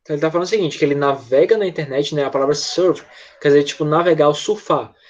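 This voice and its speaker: Patient Brazilian teacher over lo-fi audio. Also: male voice, a little high, rapid-fire. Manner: patient, checks in often with tag questions. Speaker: English teacher. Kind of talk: online class, leading pupils in repetition.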